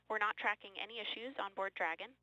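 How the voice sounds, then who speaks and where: A woman's voice: medium pitch, fairly even intonation, fast talker, sharp tone, dry recording, lo-fi sound. A woman mission controller giving clipped, procedural radio calls to a spacecraft crew over a radio loop. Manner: crisp, clipped procedural callouts. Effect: radio loop transmission.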